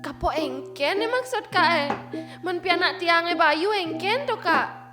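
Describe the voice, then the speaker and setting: Man putting on a worried young mother, Balinese accent, high falsetto, shadow puppet play, gamelan music. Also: lively intonation, unhurried. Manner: worried, questioning. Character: anxious young village mother.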